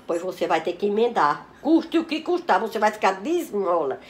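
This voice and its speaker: A woman with a Northeastern Brazilian accent rattles off furious, crude scolding at a breakneck pace. Her outbursts jump from shouts to muttered insults in this home comedy sketch. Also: medium pitch, big pitch swings, fairly quick. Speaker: comic mother character.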